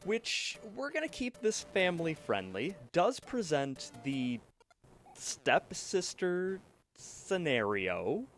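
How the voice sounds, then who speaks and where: A man's voice: a little high, huge pitch swings, a little slow, few pauses, a bit bright, faint music behind. A man streaming a game while casually telling a folk tale, joking and often breaking off to react. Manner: joking, distracted, self-interrupting. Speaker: streamer and storyteller. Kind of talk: casual storytelling while gaming.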